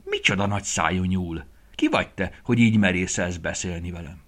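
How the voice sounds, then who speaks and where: A man's voice: sits low, lightly acted. A man voicing a cranky, proud old farmer in a children's story, scolding angrily. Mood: angry scolding. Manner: angry, scolding.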